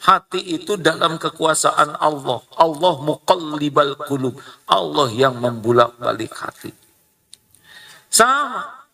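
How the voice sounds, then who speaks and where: Middle-aged male preacher, gravelly edge, heard from a distance off the mic. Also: slow pace. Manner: lively, swings high for emphasis and imitation. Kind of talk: sermon.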